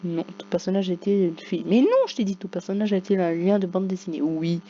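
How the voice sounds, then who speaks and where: A woman commenting casually on a game, reading its questions aloud and joking, with sudden loud outbursts. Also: lowish voice, expressive, fairly quick. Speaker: gaming YouTuber. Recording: dull lo-fi recording with faint hum.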